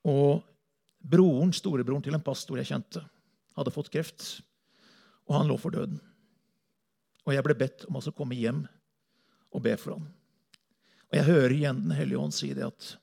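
Male missionary preacher, rough husky voice, earnest testimony sermon. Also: mid-range voice, a little mellow. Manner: earnest storytelling, speaking to a congregation.

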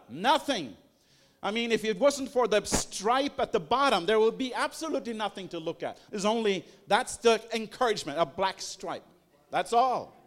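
A man giving a sermon-style teaching, talking in an emphatic, rhetorical way with lots of repetition. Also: high-pitched. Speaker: preacher.

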